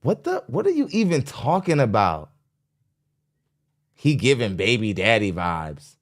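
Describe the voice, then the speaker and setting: A man's voice: medium pitch, wildly swooping pitch, measured pace. A man hosting a podcast, giving live reaction commentary in a blunt, mocking, preachy way. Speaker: podcast host. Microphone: studio microphone.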